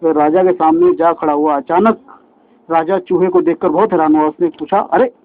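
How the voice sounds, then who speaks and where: High-voiced man telling a children's story. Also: moderate pace, no room sound. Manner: lively, expressive storytelling addressed to children. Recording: tinny phone-like sound.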